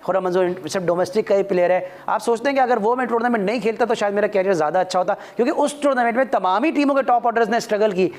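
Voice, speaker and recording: Fast, high-voiced probing interviewer. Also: male voice. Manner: pointed, probing.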